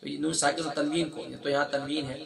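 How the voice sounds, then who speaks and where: High-voiced man teaching Quran recitation. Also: level tone, vocal fry, a crowd in the background. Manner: explains errors quickly, then chants verses slowly. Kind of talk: recitation lesson with chanted verses.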